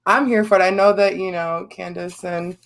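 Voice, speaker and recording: Woman with a hoarse, worn-out voice. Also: fairly low pitch, fairly even intonation, normal speed. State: hoarse, worn-out voice after cheering. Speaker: podcast co-host. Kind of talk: casual chat.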